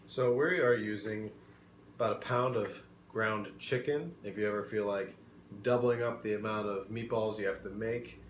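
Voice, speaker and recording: A man co-hosting a cooking show in a kitchen, playfully pitching the dish while listing ingredients in casual chat. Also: moderate pace, a little hiss or hum. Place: kitchen studio. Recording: echoey kitchen room.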